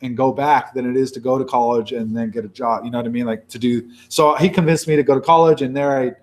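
A man in his forties, a sea turtle researcher from Baja California, Mexico, chats casually in a fast, mid-range voice with a darkish tone and fairly even intonation. His talk rambles conversationally, full of restarts and self-corrections, moving between casual conversation and Q&A.

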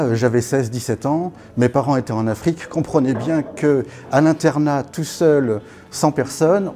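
A man's voice: mid-range voice, mellow. A man in his fifties telling his life story at a networking evening, casual and anecdotal, with many fillers and restarts, recorded by a far camera in a small meeting room. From born in Congo, raised in Africa, French parents. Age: 50s. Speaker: guest speaker at a networking evening. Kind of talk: personal storytelling talk.

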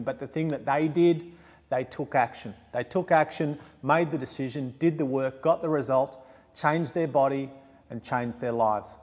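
A man's voice: fairly high pitch, a little mellow. A man with an Australian accent, a fitness coach speaking to camera in a gym, earnest and encouraging. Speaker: fitness coach presenting the challenge. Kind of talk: motivational address to camera. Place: gym indoors. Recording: long reverb in a gym.

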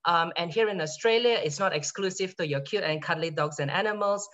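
A man's voice: high voice, brisk, fairly bright tone. A man in his thirties from Singapore, a university lecturer speaking in an online info session, chatty and often restarting his words. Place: home room, indoors, evening. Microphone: video call. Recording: dull lo-fi video call audio.

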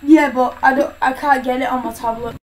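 A woman's voice: sits high, steady tone, a little fast, noisy background. A young woman talking casually while gaming, whiny and pleading, repeating the same words over and over. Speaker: gamer. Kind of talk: casual gameplay commentary.

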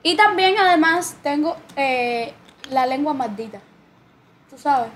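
High-voiced Cuban woman, chatty. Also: takes it slowly, a little hiss or hum. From Cuba. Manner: chatty, expressive storyteller. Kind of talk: casual storytelling.

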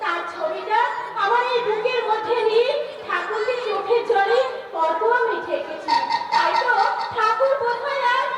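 A woman's voice: very high-pitched, normal speed, noisy background. A woman acting a spirited young daughter in a folk theatre play, in a hammy declamatory manner. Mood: yearning. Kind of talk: Bengali folk theatre (jatra) stage acting. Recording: echoey distant stage, loud music and crowd.

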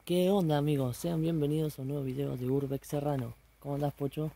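A man's voice: a little high, steady tone, fast, creaky, mellow. A man with an Argentine accent co-hosting a casual exploration vlog outdoors at night. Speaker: vlog co-host. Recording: noisy outdoor night recording.

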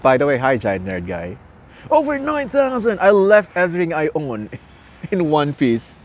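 This male live streamer, whose first language is Tagalog, has a lively, fairly high voice that bounces up and down at a normal pace, and he laughs a lot and repeats words while chatting with viewers. He's outdoors at a gas station at night, filmed on a phone camera at arm's length. The muffled recording has faint outdoor noise with traffic and city sounds behind him.

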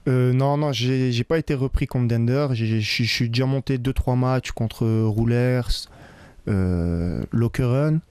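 A young man from France, a football player, answering post-match questions in a locker room, relaxed with many fillers, into a handheld mic. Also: medium pitch, a little slow, clean tone, no echo. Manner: relaxed, many filler sounds, loose phrasing. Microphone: interviewer's handheld mic.

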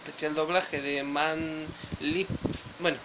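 A man, a vlogger, speaking to viewers in a relaxed, slightly hesitant way outdoors. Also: a little high, slow pace. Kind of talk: casual intro to viewers. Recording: loud traffic noise behind.

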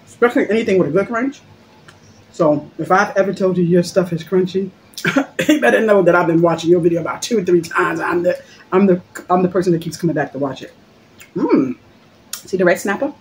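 A woman's voice: on the low side, fairly quick, a little mellow, a little hiss or hum. A woman hosting a mukbang, chatting casually and joking while she eats and talks with her mouth full, recorded on a phone. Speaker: mukbang host. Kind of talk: casual eating-show chat.

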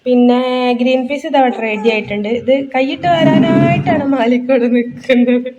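A woman's voice: high voice, moderate pace, highs cut off, very noisy. A young woman, narrating her family vlog in a chatty, homely way and talking straight to her viewers. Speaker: family vlogger and mother.

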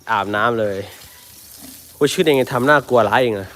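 A man's voice: mid-range voice, normal speed, a bit bright. A man, an elephant keeper chatting casually and jokingly in a vlog, sometimes calling out to the elephants. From Northeastern Thailand. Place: outdoors at a rural elephant camp. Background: faint animal and bird sounds outdoors.

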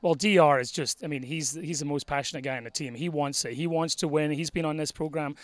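A man's voice: a little high, quick pace, no room sound. A man in his forties, a head soccer coach, giving an earnest postgame interview on a floodlit field at night, often repeating words as he starts sentences. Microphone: handheld interviewer mic.

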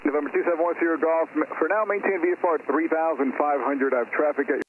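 A man's voice: fairly high pitch, fast talker. A man working as an air traffic controller, heard over an aviation radio and speaking in clipped radio phrasing. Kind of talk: radio call to pilots. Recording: tinny radio band with faint noise.

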